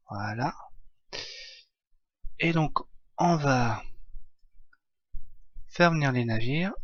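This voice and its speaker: A man streaming a strategy game live, explaining his moves in a halting way full of fillers. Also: a little high, fairly bright tone, no room sound, lo-fi sound. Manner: hesitant, many fillers, halting English.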